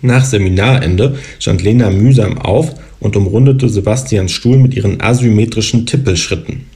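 A man in his thirties reads his own novel aloud in a calm, even way. His voice sits somewhat low, and the pace is steady and unhurried. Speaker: author reading his novel. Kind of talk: literary reading.

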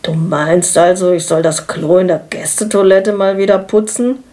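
A woman's voice: on the low side, steady tone, moderate pace, mellow, natural voice. A woman reading the lines of a laid-back, distracted middle-aged husband, speaking in a dry, matter-of-fact way. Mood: wry.

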